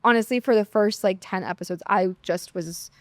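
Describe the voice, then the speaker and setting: A woman's voice: mid-range voice, moderate pace, no echo. A woman co-hosting a podcast in casual chat, gushing and restarting her sentences, full of fillers. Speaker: podcast co-host.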